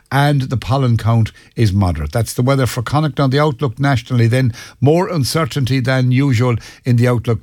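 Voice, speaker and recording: Man, Irish accent, medium pitch, weather forecast reading, dry close sound. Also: a little mellow, no echo.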